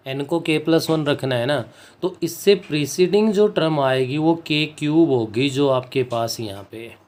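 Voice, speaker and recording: A man teaches a board-work maths lesson, going through a proof step by step and often checking in with his students. He speaks slowly and deliberately, dictating English phrases word by word, in a voice that is a little high and a little mellow.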